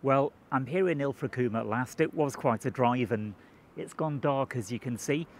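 A video presenter in his forties walks viewers through an explanatory vlog at a normal pace, his voice sitting in the mid-range. His delivery is conversational and methodical. Outdoor and car sounds come through clearly as he moves between the open air and a moving vehicle.

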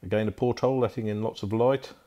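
A man's voice: on the low side, fairly even intonation, fast talker, dull audio. A man giving a casual walkthrough tour of a barge interior as a boat broker, talking off the cuff with frequent fillers, recorded on a handheld phone inside wooden cabins.

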